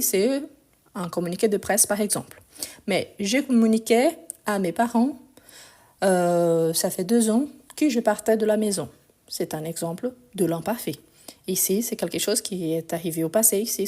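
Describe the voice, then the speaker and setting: This phone-recorded live online grammar lesson comes from a French teacher with a mellow, medium-pitched voice that is a bit weak. She works patiently through each step and spells out the endings one letter at a time.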